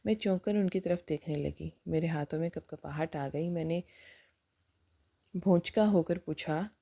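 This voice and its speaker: A woman's voice: fairly low pitch, creaky, dark tone. A woman narrating a first-person dramatic story in an earnest, emotional manner.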